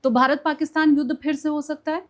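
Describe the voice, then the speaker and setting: A woman from India hosting a podcast interview, asking probing, measured questions. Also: high-pitched, fairly even intonation. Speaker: podcast host.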